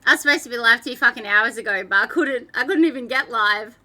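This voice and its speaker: A woman's voice: a little high, fast, pushed and bright. A young Australian woman chatting on a live stream, rambling and swearing, laughing often and close to tears. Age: young adult. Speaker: livestreamer. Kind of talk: casual live stream chat. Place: downstairs room at home.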